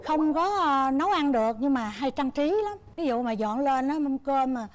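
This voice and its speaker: A woman's voice: high-pitched, lively intonation, moderate pace, a little hiss or hum. An older woman, a mother-in-law guest on a talk show, chatting in a rambling way with many fillers. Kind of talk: casual talk show chat.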